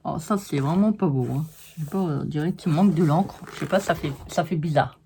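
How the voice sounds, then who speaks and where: A woman with a low, mellow voice talks a little fast as she casually presents scrapbooking paper pads on her vlog, giving blunt opinions sheet by sheet. Slight background noise can be heard.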